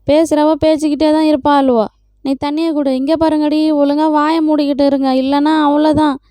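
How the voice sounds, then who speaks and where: A woman's voice: high-pitched, flat delivery, fairly quick, mellow, no room sound, clean studio sound, lightly acted. Woman voicing a bossy, boastful village woman. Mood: haughty. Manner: boastful, threatening, scolding. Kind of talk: doll play voice acting.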